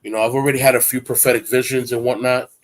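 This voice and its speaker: A man's voice: medium pitch, flat delivery, fast talker. A man in his forties hosting a casual chat, talking in a rambling, candid, streetwise way. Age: 40s. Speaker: host.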